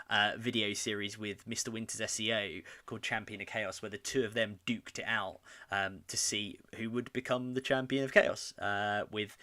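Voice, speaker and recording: A man's voice: on the low side, sharp tone, dry recording. A man co-hosting a casual hobby chat livestream, rambling and reading out viewer comments. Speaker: co-host.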